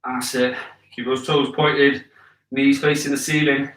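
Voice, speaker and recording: Male fitness coach, thirties, barking motivating commands in a forceful voice, off-mic in a roomy space. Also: medium pitch, little pitch movement, unhurried. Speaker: fitness coach leading a home workout. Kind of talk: live workout instruction with short commands. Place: living room with wooden floor, indoors. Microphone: camera a few metres away. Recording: echoey room, distant from the mic.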